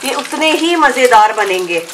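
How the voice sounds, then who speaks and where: A woman's voice: sits high, expressive, normal speed. A woman hosting a cooking channel, chatting viewers through a recipe step by step in her home kitchen, with oil frying in a pan behind her. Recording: roomy kitchen echo, faint background noise.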